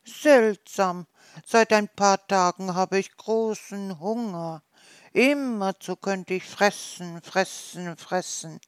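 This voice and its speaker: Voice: medium pitch, takes it slowly, clean tone, no echo, pitched above the performer's own voice, close to an everyday voice. A storyteller voicing a hungry, puzzled young hedgehog who asks naive questions in a storybook.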